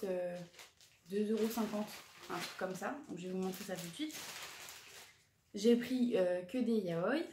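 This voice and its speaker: In a roomy, echoey space, a woman in her twenties shows off her purchases in a casual haul vlog. Her medium-pitched voice is mellow, and she chats hesitantly, with plenty of fillers and self-corrections.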